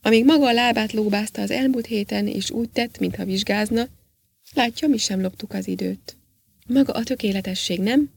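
A pompous, balding little boss man, smug and quick to threaten, as a woman reads him in a storybook. His voice has a gravelly edge. He talks down to his listener. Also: medium pitch. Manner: smug, then coldly threatening. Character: pompous middle-aged male boss, short and balding.

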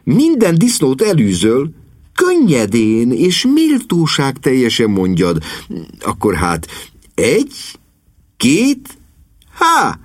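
A man voicing an excitable, bossy young woman, the lord's niece, in an audiobook reading. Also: mid-range voice, dry recording, clean studio sound, voice pushed up. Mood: bossy excited. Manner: eager, bossy.

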